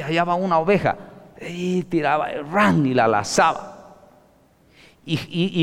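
A man preaching a sermon to his congregation, calling them brother, moving between loud exclamations and hushed asides. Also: a little high. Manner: addresses listeners as brother. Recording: long hall reverb.

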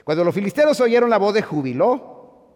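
A man preaching a sermon as pastor, swinging from shouting to hushed asides. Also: high voice, sing-song, moderate pace. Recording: long hall reverb.

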